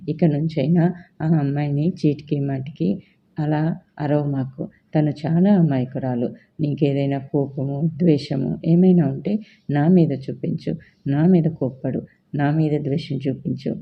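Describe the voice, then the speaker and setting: A storyteller voicing a stern middle-aged mother who scolds her son with sharp questions. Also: medium pitch, steady tone, measured pace, gravelly, highs cut off, a little hiss or hum. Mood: pleading. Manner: demanding, reproachful questions.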